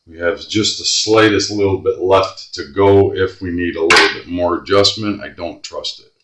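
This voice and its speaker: A man's voice: low voice, steady tone, normal speed, distant mic, very noisy. A man repairing a guitar at his workbench, muttering to himself and grumbling as he works. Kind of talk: workbench commentary. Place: workshop bench. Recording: echoey room, voice off-mic.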